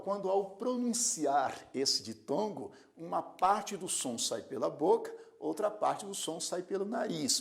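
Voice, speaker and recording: Male grammar teacher, fairly high voice, lively up-and-down delivery, patient explainer. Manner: slow, explanatory, repeats key terms and asks rhetorical questions; corrects slips aloud. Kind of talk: recorded classroom lesson.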